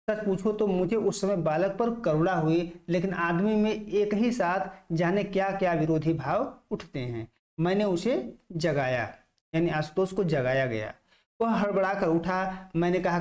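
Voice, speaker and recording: A man's voice: sits high, darkish tone, reverberant. A man reading a short story aloud and then restating each passage in plain words for his viewers. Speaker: literature channel host.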